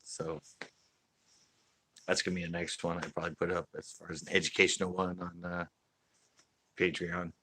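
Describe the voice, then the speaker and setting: A man with a low, deep voice hosts a casual fishing-channel live stream, speaking monotonously at a moderate pace with long pauses and a breathy edge. Bright and forceful in tone, he rambles, laughs a lot, and loops back with fillers and restarts; the sound is close, dry, and echo-free.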